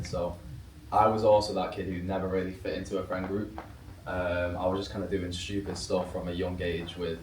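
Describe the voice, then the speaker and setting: Young British man, low voice, casual storytelling on stage, roomy room, distant mic. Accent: British English. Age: young adult. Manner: relaxed, with many fillers and restarts. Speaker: co-founder speaking to an audience. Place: event room with an audience. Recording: roomy room, mic far off, faint noise.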